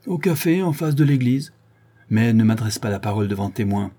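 A man's voice: mid-range voice, animated, brisk, dark tone, husky. Evasive, sneering village hired hand, read by a man. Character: shady rural drifter, sneering hired thug.

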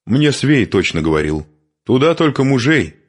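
A man voicing a cheerful, self-assured young male warrior in an audiobook, jaunty and husky. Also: medium pitch, sing-song, normal speed, pitched above the performer's own voice.

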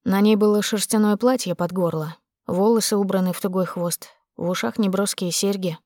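A woman narrating an audiobook in a restrained, even first-person reading. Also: medium pitch, normal speed, dry recording, studio quality.

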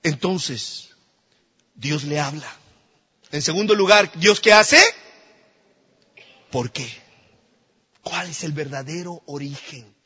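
Male pastor, high lively voice with a husky edge, preaching in a reverberant church; dull recording. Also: slow, pauses often. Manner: animated storytelling, rising to shouts at the climax. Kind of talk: sermon. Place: church hall.

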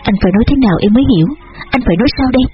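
A man's voice: high voice, animated, racing. A man doing a choked, anguished young lover. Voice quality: husky, choked. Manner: desperate, pleading. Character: anguished young man pleading his love. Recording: dull lo-fi audio with faint music.

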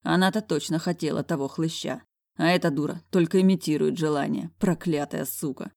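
A woman reading a first-person audiobook narration in a wry, even storytelling manner. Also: deep voice, fairly quick, creaky, no echo, studio quality.

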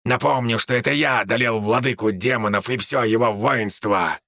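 A man voicing a mocking male druid who speaks through ravens, slow, scornful and taunting, with a gravelly voice. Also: medium pitch, bright, forceful tone, no room sound, studio quality.

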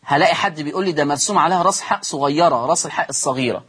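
A man with an Egyptian accent presents a TV lesson on Quran recitation rules. He explains one step at a time, raises questions only to answer them himself, and eases into chanting for the examples, in a fairly high, slightly bright voice with a breathy edge.

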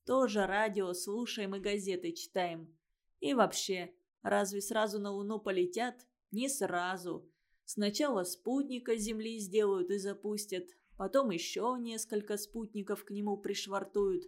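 A woman's voice: medium pitch, measured pace, lightly acted. A woman reading a story aloud and giving a condescending schoolboy his lines in a lecturing tone. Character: know-it-all schoolboy, condescending and boastful.

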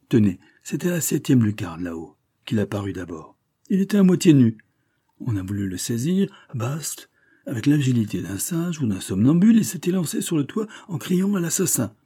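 A man's voice: mid-range voice, mellow, husky, dry recording, clean studio sound, voice pushed up. A man voicing a pompous middle-aged bystander who eagerly tells what he saw. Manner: pompous, self-important.

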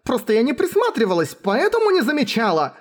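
Shrill bossy young princess, a man putting her on, pitched way up, audiobook. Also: wildly swooping pitch, brisk, heavily acted. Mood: shrill alarm. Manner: scolding. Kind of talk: audiobook character voice.

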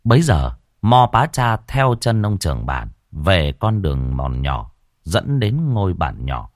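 Low-voiced man narrating a horror tale. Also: big pitch swings, measured pace, dry recording, studio quality. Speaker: storyteller.

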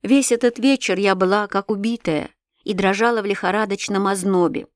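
A woman narrating a classic novel as an audiobook, in an expressive, emotional way. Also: medium pitch, moderate pace, no room sound, clean studio sound. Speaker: audiobook reader.

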